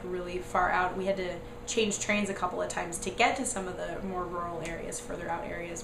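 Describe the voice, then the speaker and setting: A young American woman vlogger, croaky and hoarse from a cold, rambles casually through a chatty explanation packed with "like" and "um." Her voice is raspy, squeaky and croaky, and the room is echoey with a noisy backdrop.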